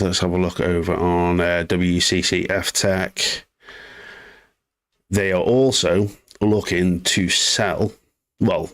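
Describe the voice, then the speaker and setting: A man with a very deep, low voice talks loosely through gaming news on a live stream. He wanders into asides and reads out messages from chat as he goes. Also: fairly bright tone. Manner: chatty, reads chat aloud, rambling asides. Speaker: gaming news livestream host. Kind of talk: casual live-stream commentary.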